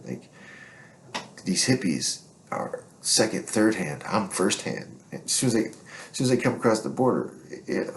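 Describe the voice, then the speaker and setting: A man's voice: low-pitched, creaky, slight background noise. A man telling stories in a casual monologue, swaggering and profane, rambling with constant fillers.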